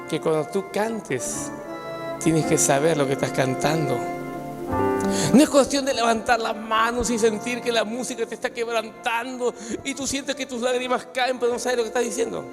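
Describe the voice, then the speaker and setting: A man preaching a fervent sermon as pastor, his voice rising to shouts at times. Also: very high voice, gravelly. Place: church. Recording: hall reverb with soft music behind.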